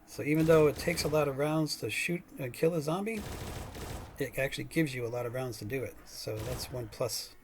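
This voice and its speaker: A man's voice: mid-range voice, brisk, noisy background. A man hosting a gaming channel, giving casual, rambling gameplay commentary full of fillers and restarts.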